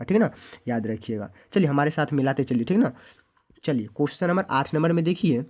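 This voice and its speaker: A man's voice: mid-range voice, a little mellow. A male teacher from India walking students through exam questions, repeating answers and reminders to remember them. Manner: repetitive, keeps asking students to remember.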